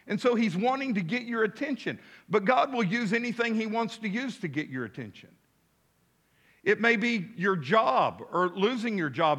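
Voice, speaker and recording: An American pastor in his fifties delivers a sermon with emphatic, deliberate phrasing and lots of repetition. His voice is high and fairly bright.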